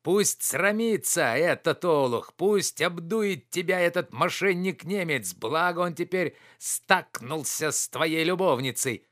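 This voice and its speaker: A man reading an audiobook, voicing a loud, boorish, quarrelsome middle-aged man who shouts and blusters. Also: mid-range voice, lively intonation, moderate pace, natural voice. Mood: shouting.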